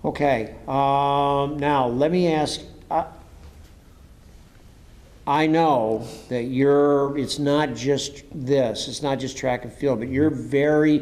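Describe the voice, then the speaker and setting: A man working as an interviewer and coach, talking conversationally and enthusiastically, often halting and repeating words for emphasis. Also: medium pitch, fairly even intonation, a little mellow.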